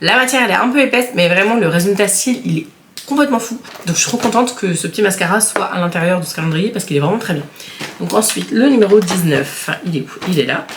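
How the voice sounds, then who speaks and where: A woman beauty vlogger chatting casually while she unboxes products, frank and expressive and speaking straight to her viewers. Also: mid-range voice, fast talker. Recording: echoey home room, faint background noise.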